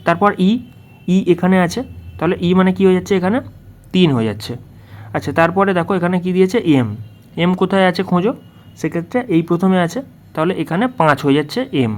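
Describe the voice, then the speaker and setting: Man, tutor, step-by-step exam solutions, slightly high voice, asks the student questions. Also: quick pace, a little mellow. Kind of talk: worked-solution lesson.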